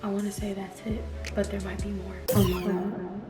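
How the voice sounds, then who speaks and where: A woman's voice: mid-range voice, little pitch movement, moderate pace. Young woman chatting casually in an echoey room. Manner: informal, slangy, frequent swearing. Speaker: YouTuber answering viewer questions. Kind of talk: casual mukbang Q&A chat while eating. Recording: roomy echo with background music.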